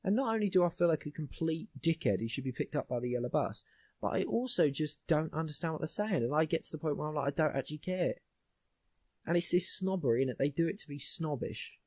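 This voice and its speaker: A man's voice: fairly high pitch, lively intonation, fast talker, a little mellow, husky, no room sound. A young man hosting a podcast, ranting bluntly with plenty of swearing in casual chat. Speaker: podcast host.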